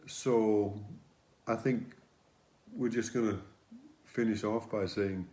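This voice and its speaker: Slow, hesitant man telling a story. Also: fairly low pitch, steady tone, darkish tone. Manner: hesitant, self-deprecating, laughs between words. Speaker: chateau guest. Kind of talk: casual chat to camera.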